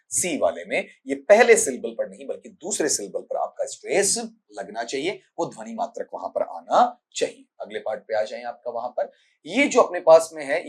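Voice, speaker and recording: A man's voice: medium pitch, husky. A man with a Rajasthani accent teaching English grammar for an exam, explaining step by step and quizzing his students. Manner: explains step by step, asks students questions, calls them "beta". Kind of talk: exam-prep lecture.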